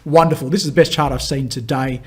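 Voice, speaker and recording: A market analyst with a hoarse, failing voice hosts a live viewer Q&A, rambling through stock charts with plenty of fillers, restarts and quick laughs. His pitch is medium and his intonation fairly even, and the chatty commentary answers questions from viewers.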